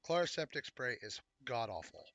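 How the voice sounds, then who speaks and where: A man streaming a card game live, muttering casual commentary to himself as he plays, with a sore, squeaky throat. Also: very animated, moderate pace, a bit bright, slight background noise.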